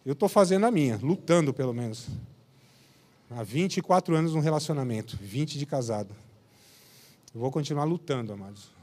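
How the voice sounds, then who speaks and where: Male pastor, 40s, slightly high voice, fervent sermon with homespun humor. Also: expressive, fairly quick, pauses often. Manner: impassioned preaching, building to loud declarations; folksy storytelling with playful humor.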